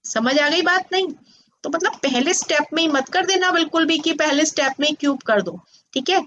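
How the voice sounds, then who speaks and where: A woman's voice: high voice, expressive, a little fast, fairly bright tone. A woman teaching maths to students as a tutor, patient and coaxing, often checking that they follow. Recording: slightly dull lo-fi sound.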